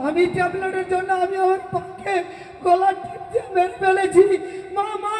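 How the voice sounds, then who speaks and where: A man acting on stage as a desperate young man who wails, shouts and pleads with his mother for pills. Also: extremely high pitch, unhurried. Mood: grieving. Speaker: stage actor. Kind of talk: live stage drama. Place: stage in a large hall. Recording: echoey hall, faint audience.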